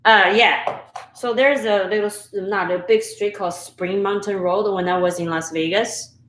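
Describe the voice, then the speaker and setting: A woman's voice: medium pitch, fairly even intonation, moderate pace, fairly bright tone, echoey room, slight background noise, poor audio. A woman from Sichuan, hosting a live-stream cooking show and chatting with viewers while she chops. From Sichuan, China. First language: Chinese. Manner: chatty, talks to viewers while chopping, laughs often. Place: home kitchen. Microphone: camera and phone setup.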